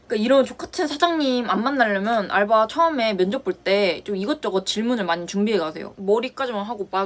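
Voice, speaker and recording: A young woman in her twenties chats rapidly while putting on makeup for the camera. She tells her story bluntly, with plenty of swearing. Her voice sits at an ordinary middle pitch, and she quickly mimics the people she is talking about. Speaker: beauty vlogger. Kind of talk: casual storytime chat while doing makeup.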